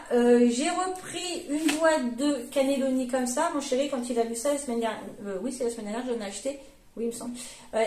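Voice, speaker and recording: Chatting about her grocery haul, this vlogger and mom in her forties talks in a somewhat high, slightly mellow voice. She meanders with plenty of fillers and corrects herself often, and the room she's in is echoey.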